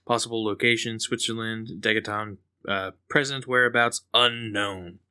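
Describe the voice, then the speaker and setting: A man co-hosting a casual comic book podcast, chiming in with quick asides. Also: lowish voice, fairly even intonation, bright, forceful tone, clean tone. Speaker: podcast co-host.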